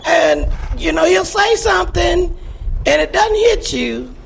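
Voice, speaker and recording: High, gravelly woman with a missing tooth. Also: measured pace, slight background noise. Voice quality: gap-toothed speech from a missing front tooth. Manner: emphatic, folksy, animated storytelling. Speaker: church member giving testimony. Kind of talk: spontaneous personal testimony. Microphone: handheld or stage microphone.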